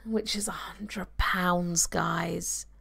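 On the low side and steady, her voice is gravelly yet bright and forceful, with drawn-out words and a little hiss or hum. She's a young gaming streamer at home, chatting casually and reading viewer comments into a desk mic on her webcam stream.

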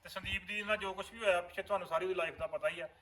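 A man's voice: high voice, steady tone, racing, sharp tone, slight background noise. A man, an actor in a vlog series, earnestly explaining roles to viewers. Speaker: vlogger and actor. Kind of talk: casual chat.

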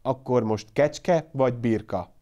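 A man voicing an excitable old shepherd who calls and exclaims loudly in a raised voice. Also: dull audio, natural voice. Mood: amazed. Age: older. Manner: loud, high-pitched calling and exclaiming.

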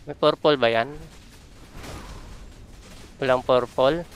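A man's voice: mid-range voice, slow pace, soft background music. A man with a Filipino accent doing live gameplay commentary, full of playful trash talk as he plays. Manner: playful trash talk, mixing Tagalog and English. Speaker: game streamer.

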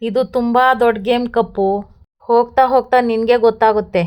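Sneaky mocking guy from a tv serial, a woman just reading his lines, smooth voice, flat delivery. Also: fairly high pitch, brisk, highs cut off, close to an everyday voice. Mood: scheming. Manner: read out plainly in a retelling. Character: scheming young man, mocking and loud.

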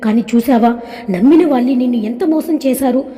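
A woman's voice: on the high side, fairly quick, mellow, long reverb tail, close to an everyday voice. A woman voicing an older father-in-law who scolds his family sternly. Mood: lecturing.

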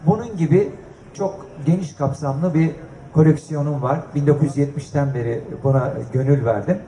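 A man's voice: fairly high pitch, normal speed, mellow. An older man chatting casually to an audience as a guest, telling jokey anecdotes. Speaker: guest speaker and collector. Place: festival stage before an audience. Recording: echoey live event sound.

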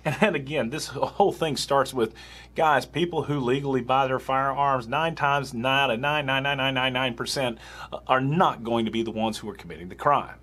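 A man's voice: mid-range voice, moderate pace, a bit bright, husky. A man hosting his own channel, talking casually and rambling a little, with frequent fillers and chuckles. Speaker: gun channel host. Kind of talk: casual commentary to camera.

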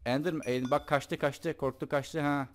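A man's voice: on the high side, steady tone, normal speed. Chatty young man narrating his gameplay. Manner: chatty, joking, talks to the game's mobs. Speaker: gaming YouTuber. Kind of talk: casual gameplay commentary.

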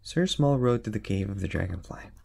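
A man reading a picture book aloud in a relaxed way, pointing out the pictures and adding asides. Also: lowish voice, fairly quick, gravelly. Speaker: storyteller.

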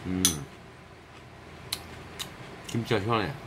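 A man's voice: on the low side, steady tone, takes it slowly, a bit bright, slight background noise. A man streaming a live eating show, talking casually with his mouth full while chewing, exclaiming and mumbling between bites. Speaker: mukbang streamer.

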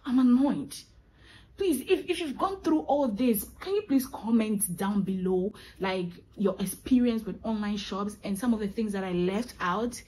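A woman's voice: mid-range voice, measured pace, mellow, a little hiss or hum, low-quality recording. A young woman venting in a vlog, emphatic and exasperated, repeating her points for effect. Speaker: vlogger. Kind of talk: ranting vlog monologue.

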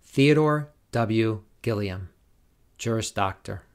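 A man formally reading out graduates' names and degrees at a commencement, in a slow, measured, deliberate way. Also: fairly low pitch. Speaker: commencement name reader.

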